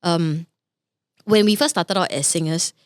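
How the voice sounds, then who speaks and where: A young adult woman co-hosting a podcast in casual chat, telling stories in an animated way. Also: fairly low pitch, a little slow, no room sound, studio quality. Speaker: podcast co-host, singer.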